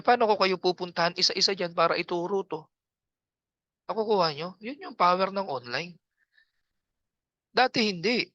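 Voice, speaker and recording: Male speaking coach on a laptop call, bright, dry, slightly dull audio, playful and animated delivery. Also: a little high, no echo. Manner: joking, animated, teasing. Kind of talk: casual online training talk. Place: nipa hut at his farm. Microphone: laptop on a video call.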